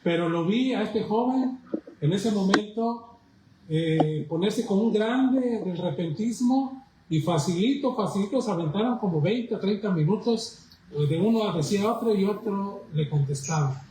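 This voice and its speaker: A man's voice: high-pitched, animated, measured pace, darkish tone, roomy sound, slight background noise, rough recording. A man hosting an interview, recalling memories of his guest and inviting him to share. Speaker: host. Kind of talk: conversational interview.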